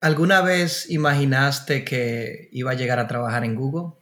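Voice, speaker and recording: A man's voice: medium pitch, normal speed, fairly bright tone. A Dominican man hosting a podcast, introducing his guest and asking open questions in a friendly way. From Dominican Republic. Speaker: podcast host. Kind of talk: podcast interview. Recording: music bed clearly heard.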